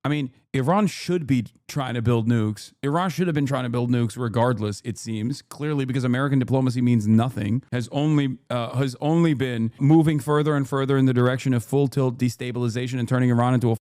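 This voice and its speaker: A man's voice: medium pitch, fairly quick, few pauses, darkish tone, no room sound, studio quality. A man in his thirties hosting a live political commentary stream, sarcastic, laughing often and swearing. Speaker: streamer host.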